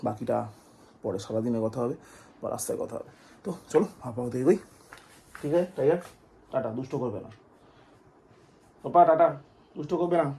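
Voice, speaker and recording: Hoarse fast-talking Bengali man. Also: mid-range voice, mellow. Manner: chatty, scolding his dog and child in a raised voice. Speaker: vlogger. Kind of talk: casual vlog chat. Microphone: phone held by hand.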